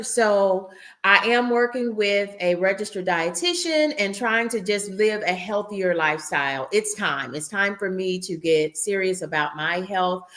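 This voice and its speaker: A woman's voice: mid-range voice, bright, forceful tone. A woman hosting a casual interview over a video call. She chats easily and speaks directly to her subscribers. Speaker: host.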